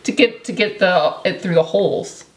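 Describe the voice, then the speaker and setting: A woman's voice: fairly low pitch, normal speed, roomy sound, distant mic, background noise. A woman co-hosting a casual kitchen tour, chatty and teasing, with the hiccups. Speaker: co-host.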